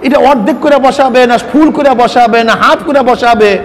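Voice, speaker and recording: A man's voice: very high-pitched, steady tone, normal speed. A man, preaching an Islamic sermon and scolding with rhetorical questions. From Bangladesh. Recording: reverberant hall with faint noise.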